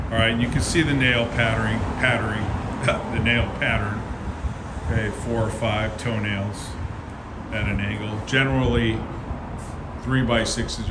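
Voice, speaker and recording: A man walks through a bare wood-framed building, filming on a phone and explaining things to his viewers in a folksy, repetitive way. His voice sits a little low. A steady air-conditioning hum runs clearly under the whole recording. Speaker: construction walkthrough guide. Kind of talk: casual filmed site walkthrough. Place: unfinished framed building, indoors.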